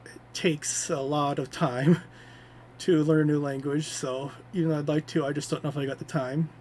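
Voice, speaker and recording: A man's voice: fairly high pitch, fairly even intonation, normal speed, a little mellow, a little hiss or hum. A man giving a nervous, rambling self-introduction on his debut livestream, heard through his streaming microphone. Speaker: VTuber streamer.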